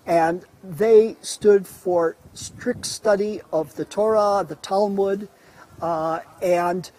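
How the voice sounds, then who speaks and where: High-voiced man guiding a slow tour. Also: fairly even intonation, mellow, rough recording. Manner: lecturing with frequent fillers and restarts. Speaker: tour guide. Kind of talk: live online walking tour commentary. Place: outdoors in a city neighborhood.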